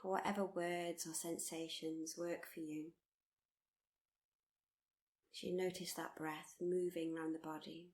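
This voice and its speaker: Her pitch a touch low and her intonation almost unchanging, a meditation teacher leads a live workshop through a body scan. She speaks slowly and soothingly, gently urging the listener on and circling back to earlier phrases.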